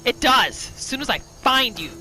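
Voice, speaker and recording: In this rough recording, a woman with a slightly high voice speaks at a moderate pace, giving casual, expressive commentary as she narrates her roleplay playthrough and talks to herself and the game. Video game music plays behind her.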